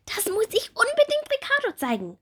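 A woman's voice: very animated, normal speed, exaggerated voice. A woman voicing a little bumblebee girl who is timid and full of wondering questions, in a storybook. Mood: wondering eager. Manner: high, eager, questioning.

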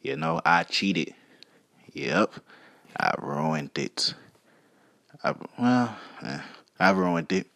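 A man with a deep voice hosts a casual solo podcast. He rambles at a slow pace, full of slang and swearing. The recording is dry, with little room sound. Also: vocal fry, fairly bright tone, dry recording. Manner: foul-mouthed, slangy, rambling. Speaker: podcast host.

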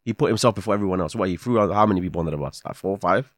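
A man's voice: sits low, rapid-fire, dry recording. A young man with a London roadman accent and slang, arguing insistently in a casual debate.

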